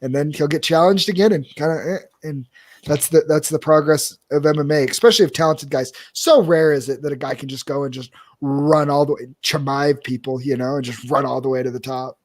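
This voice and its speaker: A young man co-hosting a podcast, chatting casually and with strong opinions about fight results. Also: on the high side. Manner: opinionated, joking, quick asides. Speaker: podcast co-host. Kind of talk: casual fight recap chat.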